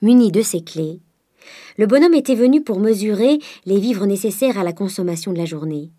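A woman narrating a classic novel as an audiobook, in a measured, even reading. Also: medium pitch, no room sound, studio quality.

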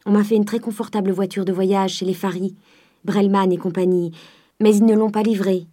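A woman reading a proud young gentleman. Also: medium pitch, steady tone, fairly quick, lightly acted. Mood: formal. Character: young gentleman cousin, ruined, proud, earnest.

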